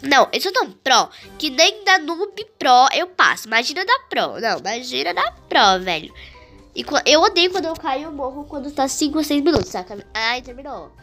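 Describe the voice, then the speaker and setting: A woman with a Brazilian Portuguese accent giving chatty, excitable gameplay commentary full of slang. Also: sits high, normal speed, faint music behind. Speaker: gaming YouTuber.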